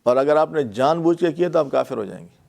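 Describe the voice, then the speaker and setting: A man's voice: a little high, lively intonation, creaky, a little mellow. A man teaching Arabic grammar of the Quran in a classroom lecture, with a Pakistani Urdu accent, explaining patiently and repeating key words with fillers.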